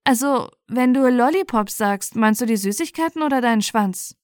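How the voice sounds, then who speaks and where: A woman's voice: fairly high pitch, lively intonation, moderate pace, dry recording, clean studio sound, natural voice. A woman reading out the chat lines of a frightened but defiant eighteen-year-old girl, her voice a little raised. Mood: wary.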